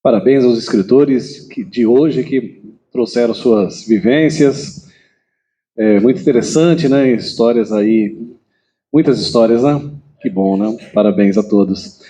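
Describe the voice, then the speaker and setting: A man's voice: mid-range voice, measured pace, dark tone, rough recording. A Brazilian man hosting an event, making informal announcements and thanks. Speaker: event host. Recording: faint background noise and room ambience.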